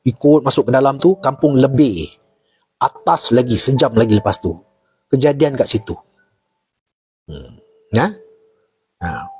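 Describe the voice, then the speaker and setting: A man's voice: mid-range voice, measured pace, long pauses, husky, faint music behind. A middle-aged man with a Malaysian Malay accent, a former army officer telling stories in casual chat, repeating key points and asking his listeners questions. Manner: animated storyteller, repeats key points, asks the audience rhetorical questions. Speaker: retired army officer guest.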